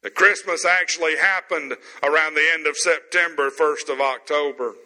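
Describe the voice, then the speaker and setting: A man preaching a sermon as pastor, stressing words slowly with pauses, in an empty room. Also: a little high, steady tone, sharp tone, long reverb tail, low-quality recording.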